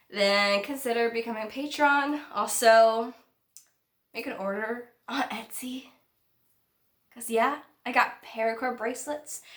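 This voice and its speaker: A woman's voice: high voice, fairly bright tone, echoey room. A young woman vlogger telling a personal story in a casual, chatty way, laughing often.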